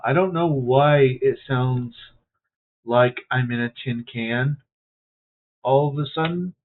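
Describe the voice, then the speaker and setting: Slow-talking man through a tinny tin-can mic. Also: mid-range voice. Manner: hesitant and musing, with many fillers. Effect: tinny, tin-can-like phone sound. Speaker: streamer commentating a wrestling video game. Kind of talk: casual game commentary.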